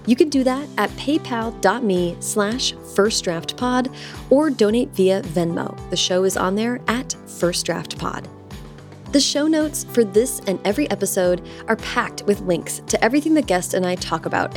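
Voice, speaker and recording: A woman's voice: mid-range voice, a little mellow. Bubbly young woman podcast host. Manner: bubbly, enthusiastic. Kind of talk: podcast host read and interview.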